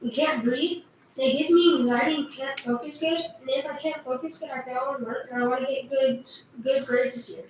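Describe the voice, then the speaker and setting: Young girl, high-pitched, earnest and halting public comment, distant mic in a very echoey board room. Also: steady tone. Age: child, final year of elementary school. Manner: earnest, halting, simple phrasing. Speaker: student giving public comment. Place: large meeting room. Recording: echoey room, far from mic, faint noise.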